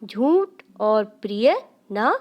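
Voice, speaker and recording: Slow, clear Sanskrit teacher, woman. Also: on the high side, animated, lo-fi sound. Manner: explains step by step, asks and answers her own questions. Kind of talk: recorded Sanskrit grammar lesson.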